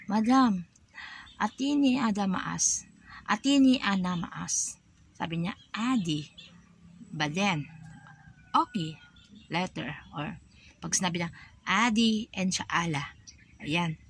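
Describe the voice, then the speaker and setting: A woman's voice: on the low side, fairly bright tone. A woman with a Filipino accent giving a casual spoken language lesson, patiently repeating each word and giving everyday examples. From Philippines. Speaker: language teacher for overseas workers.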